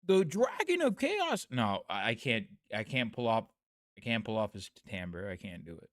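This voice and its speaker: A man's voice: fairly low pitch, moderate pace, fairly bright tone, dry recording, studio quality. A man hosting a casual late-night news livestream, talking in a self-deprecating way and trailing off. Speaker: livestream host covering news.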